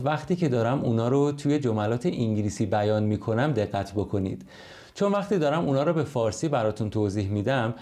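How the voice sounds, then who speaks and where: A man from Iran leads an English lesson with a mellow, darker voice. He talks in a friendly, conversational way and explains points through everyday examples. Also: mid-range voice. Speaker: English teacher.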